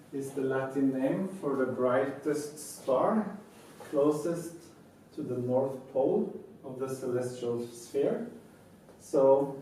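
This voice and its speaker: Slow, measured Norwegian man in an echoey room. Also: medium pitch, warm tone, a little hiss or hum. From Norway. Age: 30s. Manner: measured, methodical, with pauses. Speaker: speaker presenting his company. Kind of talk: prepared talk to a live audience. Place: meeting room with a live audience. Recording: echoey room, mic at a distance.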